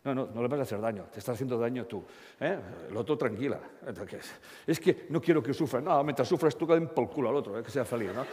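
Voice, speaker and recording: A man's voice: mid-range voice, quick pace, a little mellow. A man giving a live talk, blunt and joking, often asking the audience questions. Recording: long hall reverb.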